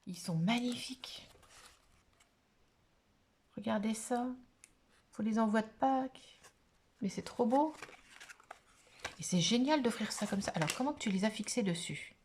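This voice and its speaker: A woman's voice: on the high side, lively intonation, a little slow, long pauses, darkish tone, a little hiss or hum. Gushing woman chatting over a mail unboxing. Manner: gushing, exclamatory, full of little fillers. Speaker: craft mail vlogger. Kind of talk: casual unboxing chat to camera.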